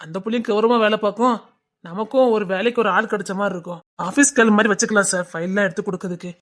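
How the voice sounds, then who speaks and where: A man's voice: sits high, steady tone, a bit bright. A man with a Tirunelveli accent voicing a deferential male office clerk. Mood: eager. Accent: Tirunelveli Tamil. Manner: quick, deferential, says sir.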